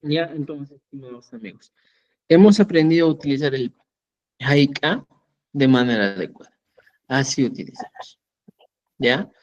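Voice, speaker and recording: A man's voice: mid-range voice, moderate pace, long pauses, highs cut off. A man teaching a language lesson, patiently repeating words and often checking that his students follow.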